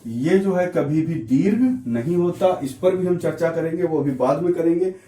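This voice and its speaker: Guy teaching sanskrit grammar, a bit high voice, echoey room, keeps asking "theek hai". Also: normal speed, dark tone. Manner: patient, repetitive, checks in with frequent "theek hai". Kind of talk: classroom lesson explaining at a board.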